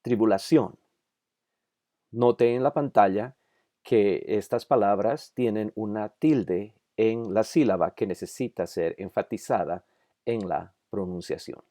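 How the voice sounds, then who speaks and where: A man delivers a scripted grammar lesson at a very slow, measured pace, lingering on each example word. His voice sits low and mellow. The recording is dry and close, with no room sound. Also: no echo. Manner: slow, careful, over-articulated example words. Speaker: Bible institute instructor. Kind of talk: scripted instructional narration.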